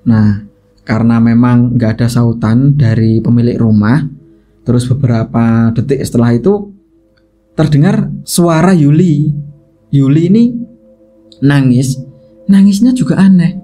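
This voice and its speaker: A man's voice: mid-range voice, a little slow, long pauses, warm tone, soft background music. A man telling a spooky story in a chatty, conversational way, as if talking with friends. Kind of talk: casual spoken horror storytelling.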